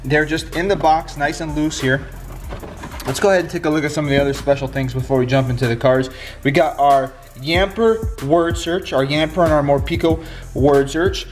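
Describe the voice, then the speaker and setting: A man in his thirties with a stuffy, nasal voice, like after a nose injury, chatting casually to viewers as host of a pack-opening vlog. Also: fairly high pitch. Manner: chatty, addresses viewers as guys, repeats phrases. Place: home kitchen indoors. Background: background music.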